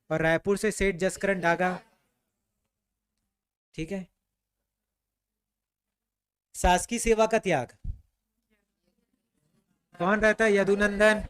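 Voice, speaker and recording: A man's voice: high voice, fairly bright tone, smooth. A man teaching a history class, quizzing students and answering his own questions in a conversational way. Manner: conversational, repeats "ठीक है" often.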